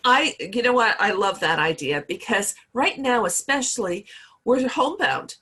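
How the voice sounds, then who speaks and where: A woman's voice: a little high, expressive, normal speed, sharp tone, husky. A woman hosting a casual interview, friendly and prompting her guest with questions, her voice a little worn. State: losing her voice. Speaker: host.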